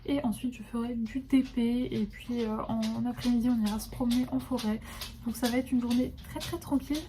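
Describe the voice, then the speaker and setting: A young woman chatting casually to her viewers from her desk at home, relaxed and full of hesitations. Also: on the high side, a little fast, slight background noise. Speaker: vlogger. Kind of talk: casual chat to camera. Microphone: phone camera.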